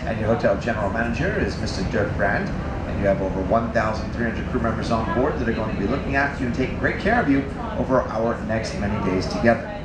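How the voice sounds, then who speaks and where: A man's voice: fairly low pitch, fast, a loud crowd. A man working as a cruise director, giving a polished, formal welcome announcement with a showman's delivery. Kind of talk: welcome announcement over ship's speakers. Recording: echoey announcement under loud noise.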